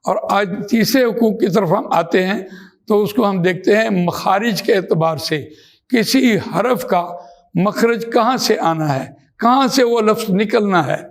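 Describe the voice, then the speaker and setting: High-voiced man teaching a Quran lesson. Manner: measured, explains terms step by step; slows down to recite verses. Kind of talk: religious lesson.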